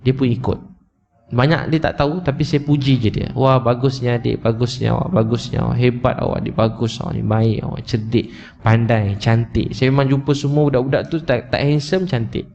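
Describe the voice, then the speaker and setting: Preaching to a live audience, a man tells a story with emotion, repeats his points, and speaks straight to his listeners. His medium-pitched voice is a little mellow with vocal fry, fairly even in intonation and brisk in pace. The lo-fi recording sounds slightly dull.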